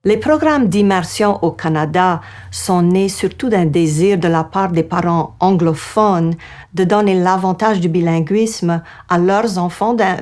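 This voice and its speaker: A woman's voice: lowish voice, a little mellow. A woman from Louisiana with a Cajun French accent, speaking reflectively as a university coordinator in a documentary. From Louisiana, United States. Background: fiddle music.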